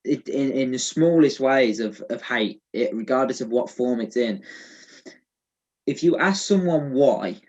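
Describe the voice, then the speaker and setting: Casting: co-host man, mid-pitched, measured and reflective, muffled lo-fi recording. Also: animated. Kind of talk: casual chat. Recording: dull lo-fi sound.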